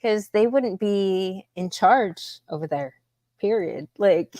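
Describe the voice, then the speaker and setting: A woman co-hosting a casual reaction stream, soft-spoken and blunt. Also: mid-range voice, slow pace, no echo. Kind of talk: casual chat.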